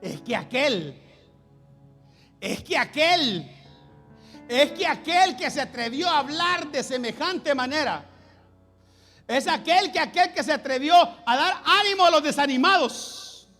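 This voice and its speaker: A man preaching a sermon as pastor, repeating phrases and swinging between loud calls and hushed lines. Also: very high voice, animated, measured pace, pauses often, faint music behind.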